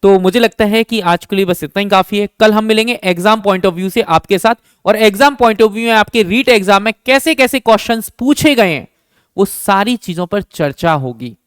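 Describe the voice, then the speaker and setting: A male teacher giving an exam-prep lesson that mixes Hindi and English. He asks himself questions and answers them, repeating key terms slowly. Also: high voice, clear, resonant tone, no room sound, studio quality.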